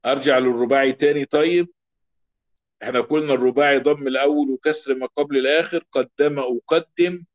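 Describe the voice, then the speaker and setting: A man with an Egyptian accent teaches a grammar lesson, drilling example words by saying them again and again. His voice sits at an ordinary middle pitch, and the recording sounds slightly dull and lo-fi. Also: fairly even intonation, fast talker. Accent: Egyptian Arabic. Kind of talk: classroom lesson.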